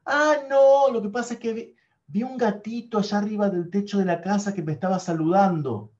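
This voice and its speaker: A man's voice: high-pitched, brisk, a little mellow, pitched above the performer's own voice, natural voice. A man doing a clever, brave young boy. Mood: fibbing. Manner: earnest and reassuring. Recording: dull lo-fi recording.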